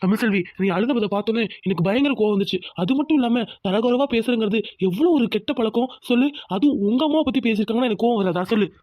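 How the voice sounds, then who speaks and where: A woman's voice: fairly high pitch, fast, few pauses, dark tone, no echo, clean studio sound, close to an everyday voice. A woman voicing a firm, protective young husband who lectures and reassures his wife. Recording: dull lo-fi sound.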